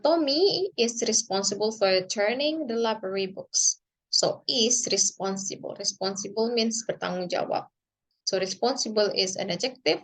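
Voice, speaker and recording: Speaking with an Indonesian accent, a woman gives an online English grammar lesson, moving back and forth between English and Indonesian. She explains slowly and deliberately in a medium-pitched, slightly bright voice.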